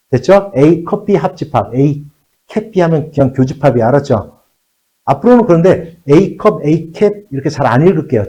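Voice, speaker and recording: A man teaching high school math in a classroom, repeating key phrases and checking in with the students again and again. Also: warm tone, low-quality recording. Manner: switches between polite and casual speech. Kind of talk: classroom lecture.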